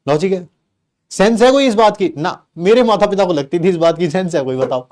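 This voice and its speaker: A middle-aged male teacher with a fairly high voice, spinning a playful story for his students. He talks in an animated way and keeps throwing rhetorical questions at the class. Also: a little fast. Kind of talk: comic storytelling in a live class.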